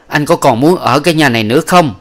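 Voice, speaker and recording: A man reading an audiobook, voicing a fierce old woman who scolds harshly and shouts. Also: fairly high pitch, fast, voice pushed up. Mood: furious scolding. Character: fierce old woman, the family's stern aunt. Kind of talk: audiobook character voice.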